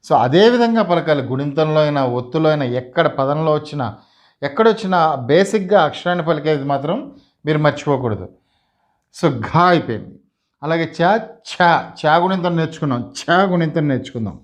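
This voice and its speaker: A man giving a slow lesson, sounding out each syllable and repeating it for learners. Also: a little high, animated. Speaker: Telugu teacher.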